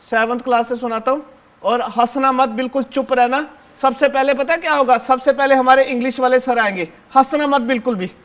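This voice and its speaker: In a one-man stage show, a man plays a cheeky seventh-grade boy who talks straight to the audience in a very high, boyish voice. The chatty, bossy kid keeps hushing and ordering his classmates around and tattles to the teacher, fawning and tacking "sir" onto every sentence. His intonation is fairly even, his pace a little fast, and his voice smooth.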